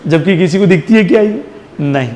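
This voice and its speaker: A man's voice: sits high, lively intonation, a little fast, darkish tone, slight background noise. A male science teacher giving a classroom physics lesson, drilling students with repeated questions and answers, mixing in English terms. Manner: mixes Hindi with English terms. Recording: long reverb in a hall.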